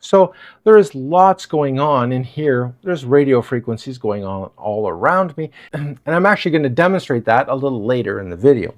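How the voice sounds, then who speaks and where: A man's voice: mid-range voice, moderate pace. A man giving a casual, chatty gear review in his apartment, recorded on a wireless lavalier mic. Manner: chatty, explanatory, lively delivery. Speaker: product reviewer. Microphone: wireless lav mic.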